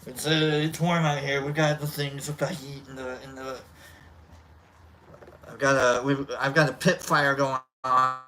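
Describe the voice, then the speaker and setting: Beside a fire pit in an outdoor lounge, a live-stream host with a nasal voice rambles casually and greets viewers by name. He speaks unhurriedly at medium pitch in a level tone, over crowd noise and poor audio.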